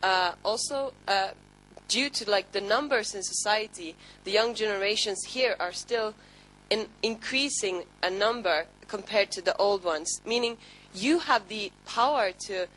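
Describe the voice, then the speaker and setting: A woman's voice: medium pitch, a little slow, a bit bright, rough recording. A woman from Finland with a Finnish accent, a youth party officer giving earnest advice in a panel statement. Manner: earnest, advising.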